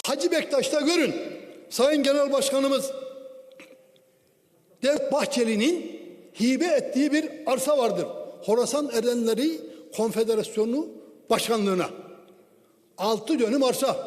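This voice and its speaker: A man, a member of parliament, giving a formal, declamatory speech at a lectern microphone in a large parliament chamber. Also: extremely high pitch. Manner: declamatory, with rhetorical questions. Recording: long hall reverb.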